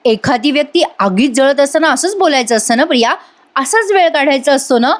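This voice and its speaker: A young woman from a TV drama taunts her rival with pointed questions, voiced by a woman retelling the scene. Her voice sits high. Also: animated, brisk. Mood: taunting.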